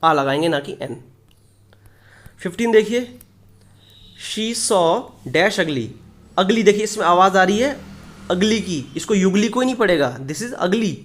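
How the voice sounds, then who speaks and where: High-voiced man teaching grammar. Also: lively intonation, fairly bright tone. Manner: explains step by step, asks questions and answers them; reads English example sentences slowly and deliberately. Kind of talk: Hindi classroom lesson on English articles.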